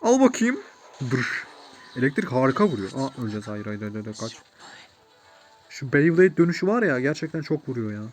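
A man giving chatty, excitable let's play commentary, talking to the game and his viewers and sprinkling in English gaming words. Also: mid-range voice, a little fast, soft background music. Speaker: gamer.

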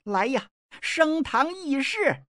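A man voicing a ruthless, scheming middle-aged noblewoman who gives orders and mocks her brother in a shrill, high voice. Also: very animated, slow pace, pushed and bright, no echo, studio quality, full character voice. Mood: scornful, commanding. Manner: mocking, commanding, shrill.

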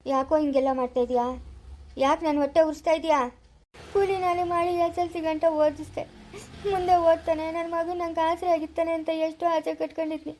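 A man's voice: extremely high pitch, fairly even intonation, fast, darkish tone. A weeping old father, played by a man in a home-made village drama, pleads with his son through his tears. He sounds poor, worn out and heartbroken. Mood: tearful. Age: older. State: crying. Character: aging father, poor laborer, grieving over his son. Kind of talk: amateur village drama acting.

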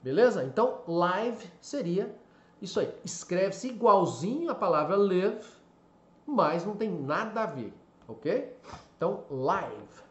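A man from Brazil teaching an English lesson in a casual, explanatory way, stretching out example words slowly. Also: high voice, very animated, fairly bright tone. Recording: echoey room, slightly dull lo-fi sound.

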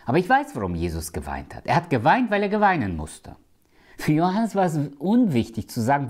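Lively preacher, emphatic sermon. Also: male voice, mid-range voice. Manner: emphatic, slows down for scripture quotes.

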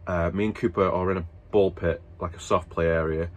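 A man's voice: low-pitched, fairly even intonation, fairly quick. A man casually telling a family story to camera, rambling and stop-start, breaking into laughter. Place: at work after dinner.

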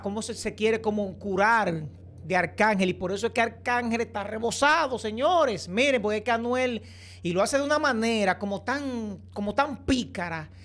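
A man's voice: high voice, a bit bright. A man giving opinionated entertainment gossip commentary, lecturing his viewers. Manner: preachy, repeatedly addresses viewers as señores.

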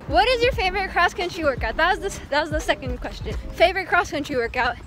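A woman's voice: very high-pitched, expressive, fast talker, over music. A young woman vlog host chatting casually as she jogs outdoors, holding the phone at arm's length. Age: young adult. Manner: talking while jogging outdoors. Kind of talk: casual chat. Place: outdoors on suburban roads and paths.

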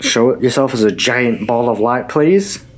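A man's voice: mid-range voice, lively intonation, a little slow. A man in his thirties on a ghost-hunting vlog, talking as a paranormal investigator and calling out questions to spirits. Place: large empty indoor rooms at night. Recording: echoey rooms, music underneath. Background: music.

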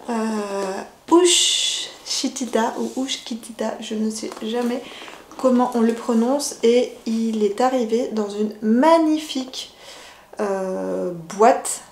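A woman talks slowly and haltingly, often pausing on fillers and restarting her words. Her voice sits fairly high. The recording is roomy and echoey, with a faint hiss behind her. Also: darkish tone. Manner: hesitant, many fillers and restarts. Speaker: knitting vlogger. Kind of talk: casual unboxing chat.

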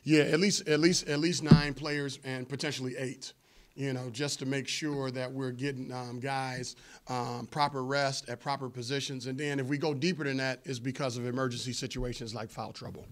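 A man in his forties, a head coach answering postgame press questions in a measured, explanatory way with frequent fillers, seated at a table microphone in a press room. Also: medium pitch, level tone. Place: press room before a sponsor backdrop. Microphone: table microphone in front of him.

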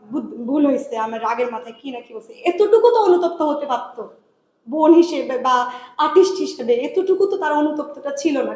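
An upset young woman with a high voice tells her story in a rush, breaking off and starting again. She is recorded in a roomy, echoing space. A faint hiss sits under her words. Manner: agitated, rapid retelling with self-corrections. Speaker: actress. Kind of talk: complaint in a news interview.

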